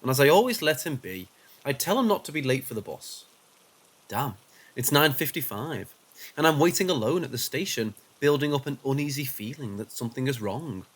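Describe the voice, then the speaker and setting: A man narrating first-person paranormal stories as scripted narration, dropping low and quiet for the tense moments. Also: expressive, normal speed.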